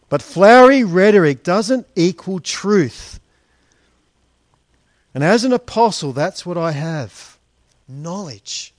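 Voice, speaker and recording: Male preacher, higher voice, unhurried, wry and sarcastic. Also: no room sound, clean studio sound. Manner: wry, sarcastic asides, addresses listeners as friends and guys. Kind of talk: expository sermon on a Bible letter.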